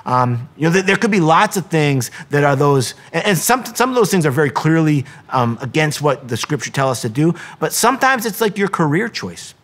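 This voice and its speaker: A man's voice: a little high, big pitch swings, a little fast, hardly any pauses, a bit bright. A middle-aged man, a wrestling coach, giving an earnest devotional talk with many ums and restarts, sometimes acting out the voices he quotes.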